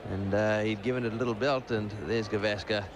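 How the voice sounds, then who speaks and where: Lower-voiced male cricket commentator, noisy ground. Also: steady tone, a little fast. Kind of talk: live expert sports commentary. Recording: noisy outdoor broadcast with crowd. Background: stadium crowd.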